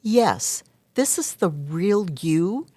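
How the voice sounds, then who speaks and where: A woman speaking as an interview guest and hypnotherapist, explaining and telling of her work in earnest, measured short phrases. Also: mid-range voice, big pitch swings, warm tone. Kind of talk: interview answers, explanatory storytelling.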